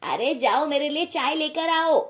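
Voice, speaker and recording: A woman voicing a harsh, complaining middle-aged mother-in-law in an animated story, speaking in a sharp, scornful, nagging way. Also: high voice, unhurried.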